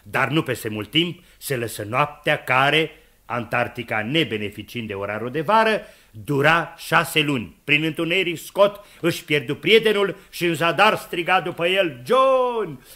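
A man telling a comic radio monologue in a theatrical way, acting out shouts, wind and wolf howls. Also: fairly high pitch, animated. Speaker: comic narrator.

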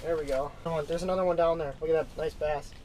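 A man's voice: a little high, fairly even intonation, quick pace, darkish tone, slight background noise, poor audio. Young man chatting while ice fishing. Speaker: fishing vlogger. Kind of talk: casual how-to commentary. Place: small ice fishing shelter. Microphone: camera-mounted shotgun mic with windscreen.

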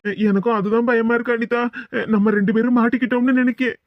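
A woman's voice: a little high, fairly even intonation, fast talker, no echo, highs cut off, natural voice. A woman voicing a nervous young man hiding from a feared uncle, speaking hesitantly with a Tirunelveli accent in a cartoon. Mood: anxious. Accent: Tirunelveli Tamil. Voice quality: hesitant, many fillers.

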